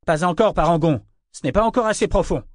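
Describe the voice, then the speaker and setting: A man doing a firm, steady crew foreman. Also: high-pitched, fast talker, no room sound, clean studio sound, voice pushed up. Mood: soothing. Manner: calming, firm, commanding.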